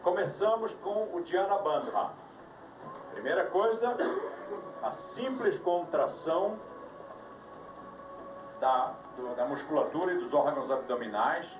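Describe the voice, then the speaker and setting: A man's voice: on the high side, expressive, a little slow, long pauses, noisy background. A man leading a live yoga class, giving instructions with dry jokes, heard on an old VHS tape recording. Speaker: yoga teacher. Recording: echoey room, voice from far off, music behind, old VHS tape.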